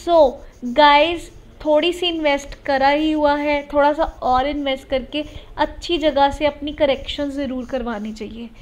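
A woman's voice: high-pitched, steady tone, unhurried. A woman IELTS teacher with a slight Punjabi accent runs a live online class, mixing Hindi and English and reassuring her students. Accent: Punjabi-tinged Indian English. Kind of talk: live online class, reading viewer comments.

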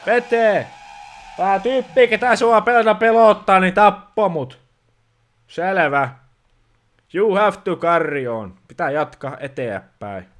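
A man's voice: high voice, animated, a bit bright. A man doing casual let's-play commentary as a grumpy dad, exasperated and scolding, grumbling at the game as he plays. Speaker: gaming channel host playing a dad persona.

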